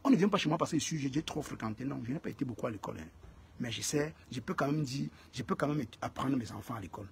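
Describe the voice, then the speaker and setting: A man's voice: mid-range voice, animated, quick pace, gravelly, a crowd in the background. A man hosting a casual live stream, greeting viewers by name and repeating phrases for emphasis.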